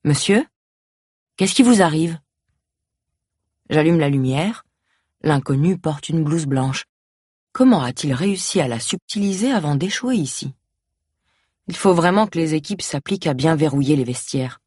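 A woman narrating a first-person audiobook in a wry, mocking, lively manner. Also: low voice, normal speed, breathy edge, no room sound, clean studio sound.

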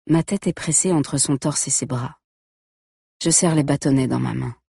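A woman narrating a first-person story in a quiet, intimate way. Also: a bass voice, normal speed, creaky, slightly rough, no echo, studio quality.

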